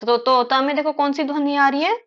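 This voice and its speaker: A woman teacher explaining word sounds to young children, repeating each word slowly and checking in with them often. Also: high voice, steady tone, muffled recording. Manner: slow, stretched-out repetition of words; frequent tag questions to children. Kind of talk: children's phonics lesson.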